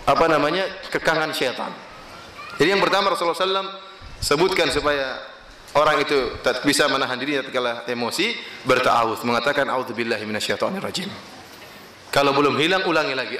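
Bright-voiced male preacher in echoey room. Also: brisk, slight background noise. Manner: emphatic, with wide swings in pitch and Arabic quotations. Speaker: Islamic preacher. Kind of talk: sermon.

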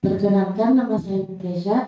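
Teen girl student, mellow dark tone, formal polite question, very echoey hall. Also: mid-range voice, steady tone, moderate pace. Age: teens. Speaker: audience questioner, high school student.

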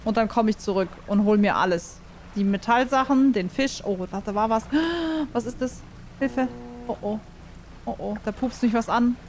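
A woman hosting a casual gaming video, talking to herself as she plays, excitable and chatty, with the odd curse and giggly sing-song bursts. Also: mid-range voice, a little fast, slight background noise. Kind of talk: casual let's-play commentary.

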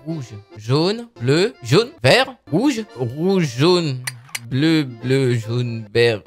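A man doing excited gameplay commentary as a YouTuber, joking and switching between loud exclamations and mumbled asides. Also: medium pitch, very slow, soft background music. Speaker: gaming YouTuber.

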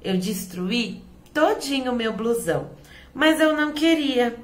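A woman's voice: fairly high pitch, animated, takes it slowly, echoey room. A woman voicing a brave but worried little bear cub with a plaintive, childlike voice. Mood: apologetic.

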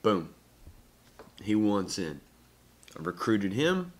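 Slow and with big swings in pitch, a young adult man's low-leaning voice carries a casual vlog. He talks to a camera at arm's length or resting on a table, keeping things upbeat and slangy in short, punchy lines.

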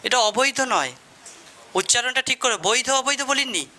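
A man's voice: extremely high pitch, expressive, unhurried, sharp tone. A man teaching a classroom lesson in a Bengali accent, quizzing students and repeating their answers back.

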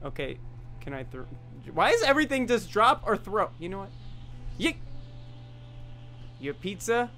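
年轻男主播的游戏实况解说，语调跳跃，爱开玩笑，背景有轻微音乐. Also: male voice, high-pitched, fairly quick, faint music behind. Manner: jokey, animated, talks to viewers. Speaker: gaming YouTuber. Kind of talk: let's play commentary.

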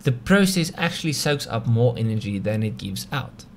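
With big pitch swings in his mid-range voice, a South African-accented man hosts a scripted explainer video at a moderate pace. He speaks conversationally, often posing rhetorical questions, against slight background noise.

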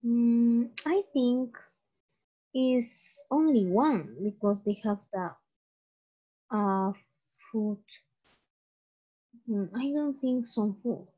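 Patient teacher, woman, slightly high voice, drills words one at a time. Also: extremely slow, long pauses, mellow. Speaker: English teacher. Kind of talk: bilingual grammar lesson.

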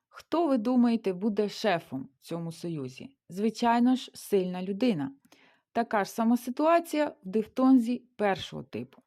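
A woman's voice: on the high side, darkish tone. A woman teaching a beginners' language lesson, explaining rules with everyday comparisons and rhetorical questions. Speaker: Spanish teacher.

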